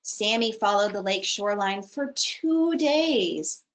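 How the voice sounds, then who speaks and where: A woman reading a children's picture book aloud for a storytime, with a lively, expressive delivery. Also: medium pitch, slow, low-quality recording. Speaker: storytime reader.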